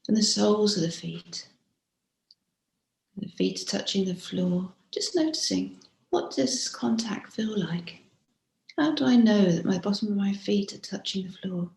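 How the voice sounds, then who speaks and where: This is a meditation teacher, a woman, walking listeners through a body scan. She talks slowly and softly in a mid-range voice, stopping often, her phrase endings breathy, while the room sound echoes around her.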